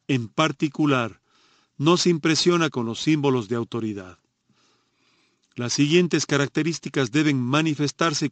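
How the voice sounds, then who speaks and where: Man narrating an audiobook, steady. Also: medium pitch, no echo. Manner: measured, steady reading.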